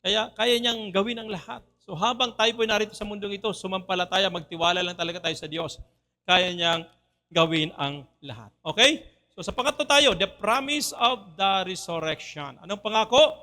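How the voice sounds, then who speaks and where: High, bright Filipino preacher. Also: male voice, moderate pace. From Philippines. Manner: switches between Tagalog and English, asks the congregation questions. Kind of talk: sermon. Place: church.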